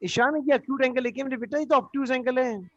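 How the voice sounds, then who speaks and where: A man's voice: very high-pitched, fast talker, dry recording. A man teaching a live geometry class, coaxing students with repeated questions. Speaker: math teacher. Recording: dull lo-fi online class audio.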